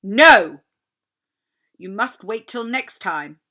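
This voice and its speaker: A woman's voice: a little high, expressive, extremely slow, pushed and bright, full character voice. A woman voicing a queenly witch, slyly sweet and coaxing, in a commanding storybook manner. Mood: sharp, imperious. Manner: commanding, wheedling.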